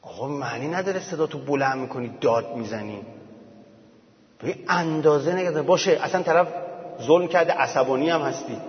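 A man's voice: fairly high pitch, slightly rough. A man giving an informal religious talk as teacher, speaking conversationally and pressing his points with rhetorical questions. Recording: muffled sound with long hall reverb.

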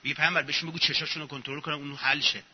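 A man's voice: on the high side, level tone, breathy edge. A man giving an informal religious lecture, sarcastic and acting out mocking examples as he talks. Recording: muffled echoey hall recording.

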